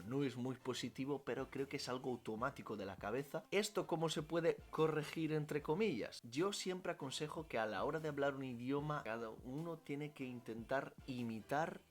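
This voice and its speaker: A man with an Italian accent, a language teacher answering questions in a casual vlog, talking freely and correcting himself as he goes. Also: mid-range voice. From Italy. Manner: animated, self-correcting, thinks aloud with fillers.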